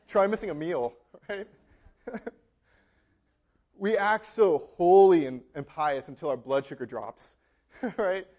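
A pastor with an American accent preaches a sermon conversationally, joking, acting out quotes and laughing, often adding "right?" as an aside. His voice is high and a little mellow, delivered slowly with long pauses.

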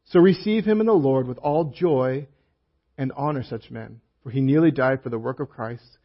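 A man's voice: mid-range voice, muffled recording. A man preaching a sermon as a pastor, reading scripture aloud and explaining it with casual asides and humor.

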